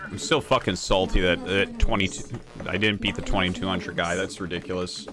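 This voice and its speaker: A man's voice: low voice, moderate pace, over music. A man in his thirties, a game streamer, telling a story and ranting about a match in a sarcastic, profane way. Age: 30s. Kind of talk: casual storytelling and gameplay rant.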